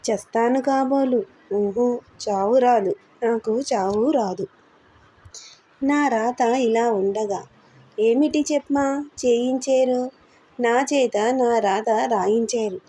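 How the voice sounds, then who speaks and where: A woman performs a beaten middle-aged man drifting in delirium, his breathy voice pitched a little high and soft-edged. He pleads in broken fragments and repeats his words over and over, a storybook figure lost in pain and fear. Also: slow pace, pauses often. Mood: delirious.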